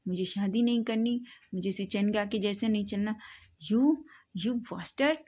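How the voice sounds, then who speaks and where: A woman voicing a hot-tempered young man who scolds loudly. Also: medium pitch, measured pace, lightly acted. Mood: angry. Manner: shouting, scolding.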